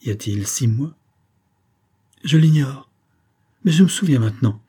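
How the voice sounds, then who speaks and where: A man's voice: medium pitch, expressive, unhurried, dark tone, husky, pitched above the performer's own voice. A man reading the lines of a bewildered young woman just returned from death, in an audiobook, close to his own narrating voice.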